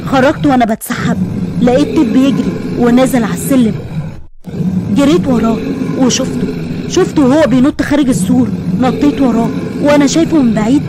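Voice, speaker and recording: A woman with an Egyptian accent narrating a first-person horror story in a suspenseful, brisk manner. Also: sits high, very noisy. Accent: Egyptian Arabic.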